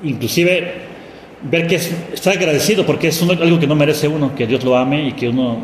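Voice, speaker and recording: A man with a Mexican accent preaching a reflective sermon, often pausing to ask "¿no?" and restarting his phrases. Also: on the high side, slight background noise. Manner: reflective, with frequent rhetorical "¿no?" and restarts. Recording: echoey hall with long reverb.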